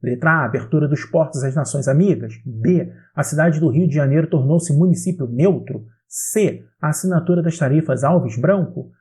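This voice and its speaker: A Brazilian man teaching an exam-prep history lesson, explaining clearly and speaking directly to the student. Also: a little high, normal speed, hardly any pauses, warm tone. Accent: Brazilian Portuguese.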